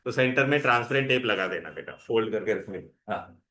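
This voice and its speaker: A man teaches chemistry in a classroom lecture with a fairly low, animated voice that is brisk, pushed and bright. He coaxes his students along, calling them "beta," and mixes Hindi with English terms.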